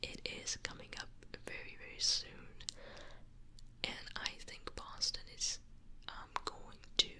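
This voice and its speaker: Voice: slow, sharp tone. A person whispering a casual, unscripted ASMR ramble very close into the listener's ear on a binaural microphone. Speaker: ASMR video creator. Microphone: binaural microphone with silicone ears, very close.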